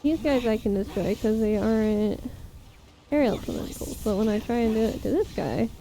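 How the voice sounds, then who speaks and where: A young woman streamer chats her way through a game, grumbling now and then at the enemies. Her voice sits a little high but sounds dark and mellow, with a gravelly fry running through it. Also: lively intonation, normal speed, low-quality recording. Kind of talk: casual gameplay commentary.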